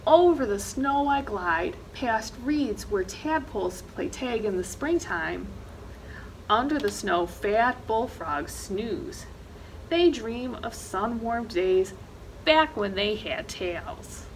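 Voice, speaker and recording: In poor audio with slight background noise, a middle-aged woman reads a picture book aloud for storytime. She is a librarian seated in an indoor library reading corner, and her fairly high, expressive voice takes things slowly, with dramatic stress on action words.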